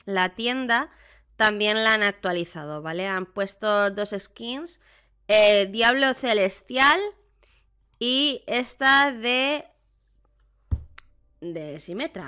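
Excitable Spanish woman gamer, bright voice. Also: a little high, smooth. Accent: Spain Spanish. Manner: chatty, excitable, many repeated fillers like vale. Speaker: gaming streamer. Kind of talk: patch notes review and live gameplay commentary.

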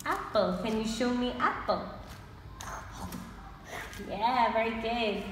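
A woman's voice: on the high side, slow pace, fairly bright tone. A young woman teacher speaking to a toddler in simple short questions and encouraging praise, recorded indoors in a small classroom. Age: young adult. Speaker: English teacher of a young child. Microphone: camera a few feet away. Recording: echoey room, distant mic, noisy background.

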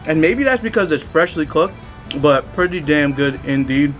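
A young man reviewing pizza in a casual vlog, talking through a mouthful while chewing, quick and slangy. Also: a little high, animated, rough recording. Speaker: food reviewer, channel host. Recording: music playing in background.

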